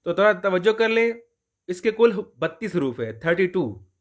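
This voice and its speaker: A man's voice: sits high, sing-song, normal speed. A man from Pakistan teaching a Persian language lesson, explaining patiently and repeating and stretching out words for his students.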